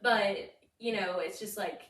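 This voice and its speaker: A woman's voice: mid-range voice, unhurried, a bit bright. A woman in her thirties co-hosting a podcast in casual chat, filling her talk with "like" and laughing often. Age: 30s. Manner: chatty, heavy use of "like", frequent laughs. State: hiccups. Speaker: podcast co-host. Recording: roomy sound, distant mic.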